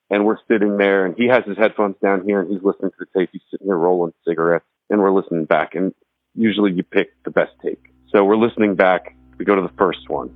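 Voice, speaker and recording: A man's voice: sits low, no echo. A man from Texas casually recounting a story at home in a loose, rambling way, with restarts. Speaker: musician and homeowner telling a ghost story. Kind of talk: casual spoken recollection. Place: his house in the woods. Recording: dry, thin phone-like sound.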